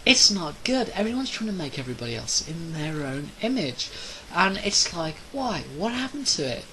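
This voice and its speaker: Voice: medium pitch, very animated, moderate pace, pushed and bright, a little hiss or hum, low-quality recording. A person delivering a rambling, opinionated monologue in a theatrical, declamatory way, drawing out phrases for emphasis. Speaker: solo speaker of a rant video.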